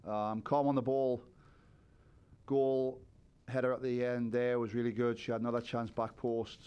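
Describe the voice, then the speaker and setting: A man's voice: mid-range voice, little pitch movement, normal speed, clean tone, highs cut off. A man in his forties, a head coach, giving thoughtful postgame answers at a press conference, seated at a table with a microphone. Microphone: table microphone on a stand.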